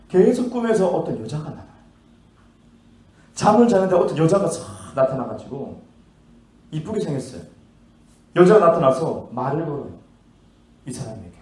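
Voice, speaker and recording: A man preaching in a big echoey hall, heard from some way off the mic. His voice sits fairly high and mellow, and he swings it up and down a lot as he tells the story. He keeps putting questions to the room and answering them himself. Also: recorded from a distance. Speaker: pastor. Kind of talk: sermon.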